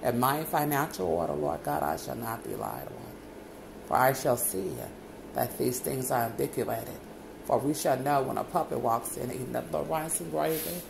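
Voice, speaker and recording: A long, meandering prayer is spoken aloud in a gravelly, mid-range voice, with "Lord God" called out over and over between loosely strung phrases. The background is noisy.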